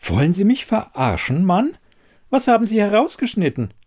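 A man voicing an impatient, sharp-tongued woman investigator in a read-aloud story, with curt, pointed questions. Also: a little high, expressive, normal speed, voice pushed up. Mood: accusing.

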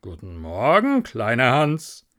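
A man's voice: medium pitch, huge pitch swings, takes it slowly, a bit bright, exaggerated voice. A man playing a pompous, selfish older miller in a storybook, speaking in a moralizing, self-satisfied way.

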